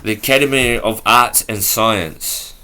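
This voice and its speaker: A man's voice: on the low side, a little slow, pushed and bright. A man hosting a podcast in a casual, offhand way, reading aloud from notes and stumbling over words as he goes. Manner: offhand and loose. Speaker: podcast host.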